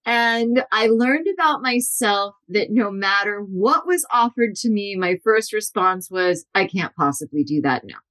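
A woman in her forties, a guest in an interview, telling lively anecdotes and acting out the people she quotes. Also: mid-range voice, measured pace, hardly any pauses. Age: 40s. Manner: animated, acts out quotes with shifting voices. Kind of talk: storytelling interview.

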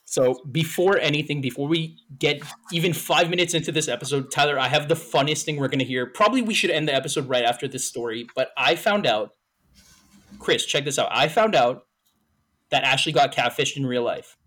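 A man's voice: a little high, expressive, fairly quick, fairly bright tone. A man hosting a podcast in casual, profane, hyped-up banter. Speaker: podcast host.

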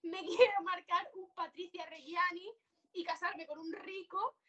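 Bright-voiced young woman co-hosting a chat. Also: very high voice, steady tone, unhurried, lo-fi sound. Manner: giggly, slangy, dramatic outbursts. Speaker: podcast co-host. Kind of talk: casual chat. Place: her own bedroom, remote.

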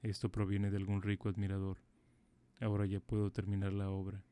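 A man voicing a poor young student playwright in a calm storybook reading. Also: low voice, brisk, clear, resonant tone, natural voice. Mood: hopeful.

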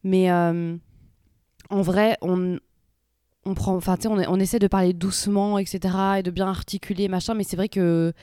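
A young woman chatting casually with a friend, telling lively slangy stories about her coworkers. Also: mid-range voice, normal speed, smooth, no echo, studio quality. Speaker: office worker. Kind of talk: casual chat between friends.

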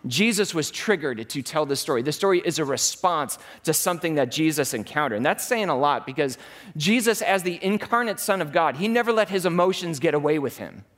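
Energetic man preaching a casual sermon. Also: fairly high pitch, fairly quick. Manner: enthusiastic, conversational storytelling. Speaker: pastor.

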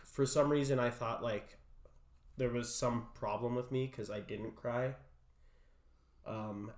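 A young man being interviewed, telling a personal story in a halting way full of fillers. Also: mid-range voice. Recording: roomy echo.

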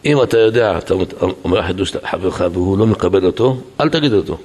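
A male rabbi with an Israeli Hebrew accent preaching a sermon to a congregation, acting out dialogue and shouting repeated words for emphasis. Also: low voice, animated. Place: synagogue hall with congregation.

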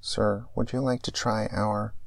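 A man's voice: fairly low pitch, flat delivery, unhurried, vocal fry, dry recording, voice pushed up. A man voicing a young woman drive-through worker heard through a crackly, mechanical speaker box, with politely scripted service patter.

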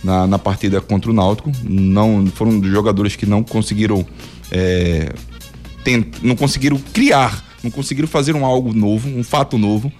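A man's voice: on the low side, normal speed, soft background music. A man from Pernambuco, a former player, commentating on football in casual, argumentative talk. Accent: Pernambuco Portuguese. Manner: animated, protesting, arguing his point.

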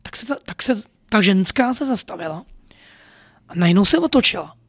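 A man's voice: high-pitched, animated, fairly bright tone, dry recording, studio quality. A man telling a personal story in an earnest, rambling way, full of fillers. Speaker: podcast storyteller.

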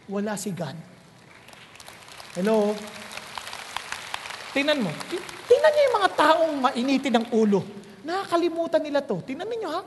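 A man's voice: very high-pitched, a little hiss or hum. Middle-aged man preaching, bouncy up-and-down voice, laughs through his stories, big echoey hall. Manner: lively, laughing storyteller. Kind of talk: sermon in mixed Tagalog and English. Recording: long hall reverb.

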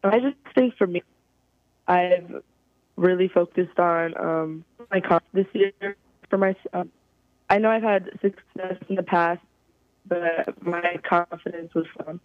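A young woman from California, a college softball player, giving halting, thoughtful interview answers over a phone call. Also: lowish voice, dry recording. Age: young adult. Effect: heard over a phone call. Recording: tinny, dry phone line.

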